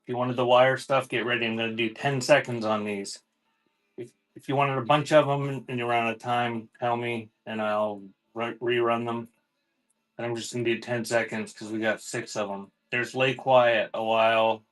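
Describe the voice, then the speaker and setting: A man hosts a live online auction of cassette tapes, announcing items in informal, off-the-cuff sales patter. His medium-pitched voice is flat and slightly bright at normal speed, and the recording quality is low.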